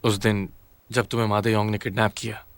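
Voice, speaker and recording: A man dubbing a calm, protective young man. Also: on the low side, fairly quick, no room sound, lightly acted. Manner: calm, earnest, reassuring. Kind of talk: dubbed TV drama. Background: faint music.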